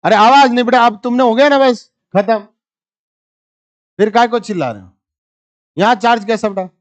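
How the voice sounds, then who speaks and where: With a high voice at a normal speed, a chemistry teacher lectures his live class in a teasing, bantering way, and the recording's highs are cut off. Problem by problem, he goes step by step and has students give the answers.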